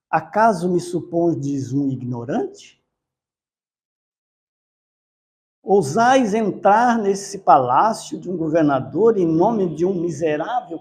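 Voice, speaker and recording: A man's voice: high voice, lively intonation, slow pace, darkish tone, voice pushed up. A man voicing a scornful male magician who questions with contempt, in a spiritist study talk.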